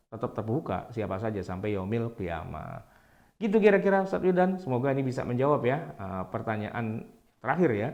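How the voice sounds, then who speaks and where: A man's voice: medium pitch, a little mellow. A man giving a casual, joking Islamic lecture over a video call, laughing often. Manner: jokey, laughing often, colloquial. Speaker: Islamic teacher.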